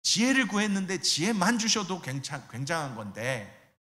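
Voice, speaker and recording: A man's voice: high voice, sing-song, normal speed, bright, forceful tone, long reverb tail. A middle-aged male pastor preaching a sermon in a church, asking his listeners questions and acting out quoted voices. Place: church sanctuary.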